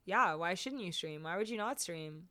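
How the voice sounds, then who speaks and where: A woman's voice: fairly low pitch, expressive, normal speed, sharp tone. A woman with a Canadian accent chatting casually on a music livestream, thanking viewers in a cute, gushing way. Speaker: music streamer.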